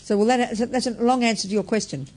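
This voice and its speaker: Husky-voiced woman teaching. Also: fairly quick, a little mellow. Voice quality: husky, rough, deep voice. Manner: plain, conversational, tags phrases with "you know". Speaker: Buddhist teacher. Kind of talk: storytelling talk to a live audience.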